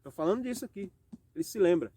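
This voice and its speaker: A man with a Brazilian Portuguese accent preaching a home worship sermon, reading scripture slowly and posing rhetorical questions. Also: high-pitched, lively intonation, dark tone, slightly rough, dry recording.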